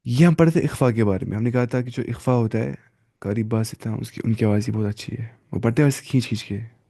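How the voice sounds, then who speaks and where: A man teaching a live online Quran reading lesson, drilling letters and sounds slowly one by one. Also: mid-range voice, vocal fry, mellow. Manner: slow drawn-out letter-by-letter drilling.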